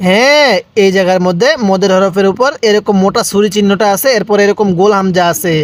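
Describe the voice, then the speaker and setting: A man from Bangladesh, his voice sitting high and his delivery brisk, teaches Quran reading stage by stage. Letters and vowel marks are spelled out, long syllables stretched, and the listener repeats after him.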